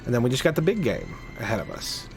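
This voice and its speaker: Animated chatty man narrating a game. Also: medium pitch, fast talker, gravelly, soft background music. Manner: chatty, rambling, frequent restarts and fillers. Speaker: host of a game playthrough podcast. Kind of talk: casual let's play commentary.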